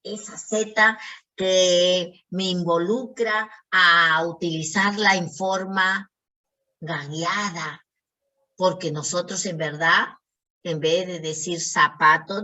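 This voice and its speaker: Woman teacher; unhurried, clear lesson delivery, keeps checking the class follows. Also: lowish voice, fairly even intonation, sharp tone. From Peru. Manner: slow, patient, checking in with "¿sí?".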